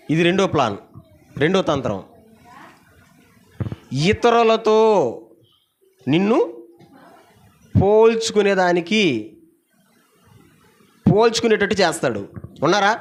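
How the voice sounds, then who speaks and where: Animated high-voiced preaching man. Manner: animated preaching, calls for congregation responses; swings between loud exclamations and low asides. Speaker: pastor. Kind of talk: Sunday sermon.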